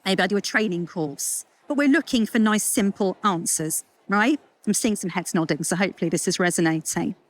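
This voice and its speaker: A woman giving a chatty, lively conference talk, full of jokes and asides. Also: mid-range voice, a little fast, hardly any pauses. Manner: lively, chatty, self-deprecating with puns and asides. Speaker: culture consultant speaker. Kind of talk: conference talk to a live audience.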